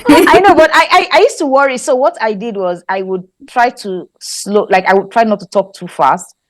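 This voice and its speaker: A Nigerian woman with a Nigerian accent, a guest scriptwriter, chats casually in an interview, thoughtful and quick to laugh, often restarting her sentences. Her voice is on the high side, and the recording is dry.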